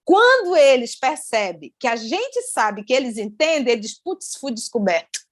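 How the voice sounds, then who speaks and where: A woman with a Brazilian accent giving an online study talk, telling stories in an animated way and repeating words for emphasis. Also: high-pitched, unhurried, no room sound. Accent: Brazilian Portuguese. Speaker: invited speaker. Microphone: video call.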